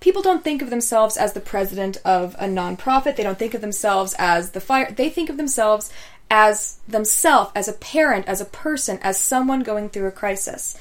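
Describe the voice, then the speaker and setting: Woman explaining a concept clearly. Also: mid-range voice, expressive, normal speed. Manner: explaining clearly, summarizing points. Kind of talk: casual explanatory chat.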